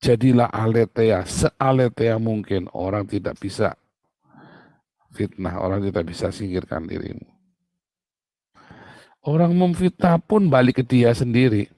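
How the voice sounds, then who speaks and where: A middle-aged man preaching a sermon in a chatty, animated way with casual asides. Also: fairly low pitch, a little slow, long pauses, no room sound.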